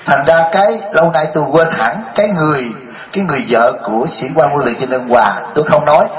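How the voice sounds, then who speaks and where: A man's voice: fairly high pitch, quick pace, roomy sound, a crowd in the background, poor audio. A man, a Buddhist monk teacher, giving a dharma talk that mixes humor with lecturing and speaks straight to the audience. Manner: addresses the audience directly, mixes jokes with lecture.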